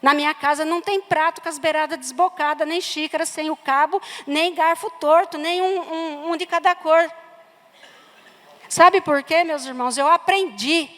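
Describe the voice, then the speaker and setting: High-voiced woman preaching in a reverberant church. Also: a bit bright. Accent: Brazilian Portuguese. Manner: storytelling, emphatic repetitions. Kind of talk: sermon with personal testimony. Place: church sanctuary.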